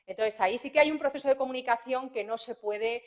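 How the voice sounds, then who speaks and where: Animated woman prosecutor. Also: on the high side, fast talker. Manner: lively, anecdotal, acts out dialogues with parents and teens. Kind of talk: conference talk to parents.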